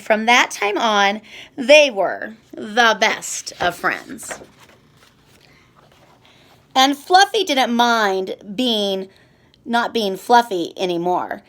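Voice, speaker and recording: A woman reading a children's picture book aloud, slow and expressive. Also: a little high. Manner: slow, expressive, sing-song. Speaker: storyteller.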